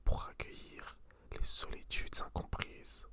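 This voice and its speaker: A person whispering in a hushed library whisper, chatting casually about books and reading aloud in an intimate ASMR style. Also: takes it slowly. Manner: informal, slangy. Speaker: host reviewing books.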